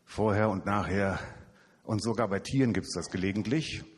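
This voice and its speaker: A man's voice: on the low side, moderate pace, noisy background. A man preaching as a youth evangelist, talking casually and chattily to the congregation through a handheld microphone. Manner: chatty, informal, self-deprecating humor. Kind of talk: casual sermon with jokes. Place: church service hall. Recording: hall reverb from a church room.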